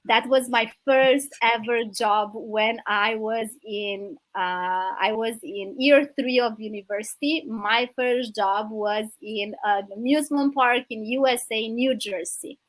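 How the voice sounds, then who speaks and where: A woman in her thirties from Romania, a native Romanian speaker, telling her life story as an interview guest, warm and grateful with many hesitant fillers. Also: a little high, fairly even intonation, slow, few pauses, no room sound, low-quality recording. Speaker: guest, business coach.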